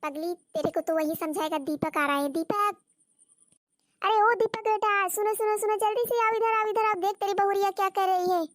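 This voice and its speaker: Woman voicing a shrill scolding cartoon mother-in-law. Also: little pitch movement, a little fast, few pauses, no echo, clean studio sound, close to an everyday voice. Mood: calling out. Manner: scolding, repeats words, calls on God. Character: scolding old mother-in-law, nagging and exasperated. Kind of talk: Hindi cartoon story voice acting.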